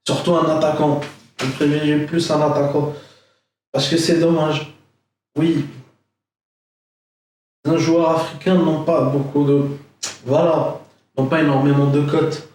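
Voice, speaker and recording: A man's voice: fairly high pitch, a little mellow, slight background noise. A young man giving a casual, rambling football reaction vlog, chatty and full of fillers. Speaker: football vlogger. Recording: echoey room, far from mic.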